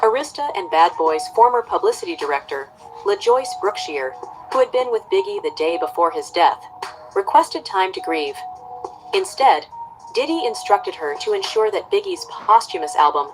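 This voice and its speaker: A woman narrating a documentary in a measured, formal reading style. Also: medium pitch, expressive, music in the background, low-quality recording.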